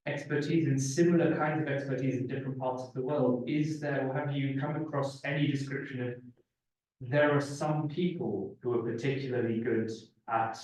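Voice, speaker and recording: A man chairing an academic panel asks a question slowly, in hesitant and searching phrases. His voice comes from a distance in a very echoey hall. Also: mid-range voice, darkish tone. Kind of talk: asking a question and moderating. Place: conference room. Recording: echoey room, far from the mic.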